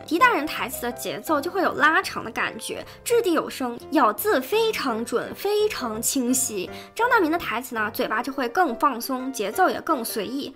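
Brief: sarcastic woman commentator, high and very animated. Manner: sharp and sarcastic. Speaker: video commentator. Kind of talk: critical video commentary.

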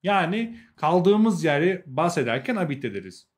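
A man's voice: fairly high pitch, very animated, normal speed. A young adult man with a Turkish accent teaching a live language lesson, explaining, translating and repeating key words for learners.

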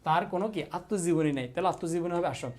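Teasing coaching teacher. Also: male voice, sits high, fast, darkish tone. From Bangladesh. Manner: teasing, repeats questions, mock threats, drills students. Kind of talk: casual exam-prep class.

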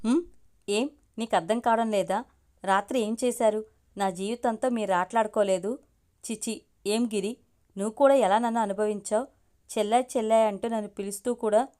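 A woman's voice: medium pitch, steady tone, normal speed, mellow, lightly acted. A woman voicing a distraught young woman. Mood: accusing. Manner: accusing, crying out. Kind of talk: audiobook story reading.

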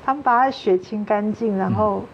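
A woman's voice: mid-range voice, moderate pace, muffled recording, a little hiss or hum. A woman with a Taiwanese Mandarin accent, a talk show guest earnestly telling a personal story and acting out what others said. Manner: earnest, acts out quoted dialogue.

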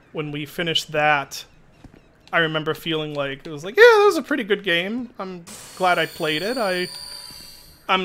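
A young man with a bright, slightly high voice talks casually over a game stream at his desk mic. He laughs a lot and mutters to himself as he plays, with a faint hiss in the background. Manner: chatty, laughs often, mutters to himself while playing. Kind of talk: casual gaming stream chat. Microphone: desk microphone.

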